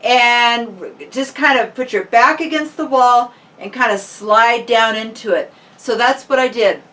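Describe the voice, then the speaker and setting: Woman, higher-pitched voice, informal fitness vlog chat, chatty delivery, slightly distant microphone. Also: measured pace, pushed and bright. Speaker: fitness vlogger.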